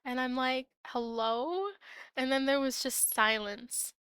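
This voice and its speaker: Clear-voiced Canadian woman telling casual stories. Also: sits high, steady tone, normal speed, sharp tone, no echo. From Ontario, Canada. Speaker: storyteller recounting past food service work. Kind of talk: casual storytime narration.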